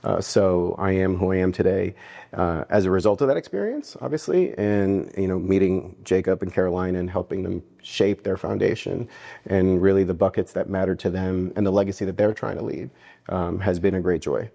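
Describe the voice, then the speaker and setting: Man, forties, low voice, warm and mellow, earnest interview guest, reflective, frequent restarts. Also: moderate pace, gravelly. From United States (New Jersey). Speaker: interview guest, philanthropy fundraiser. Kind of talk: conversational interview answers.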